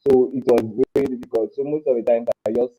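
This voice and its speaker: With a warm, mid-range voice and fairly even intonation, a young African panel guest speaks earnestly over a headset mic on a call. His audio is fuzzy from clipping distortion, and he pauses haltingly and repeats himself.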